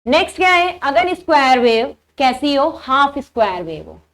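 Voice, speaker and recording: High-voiced woman lecturing step by step. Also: very animated, normal speed, fairly bright tone. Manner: explains step by step, asking and answering her own questions. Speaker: teacher. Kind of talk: engineering lecture.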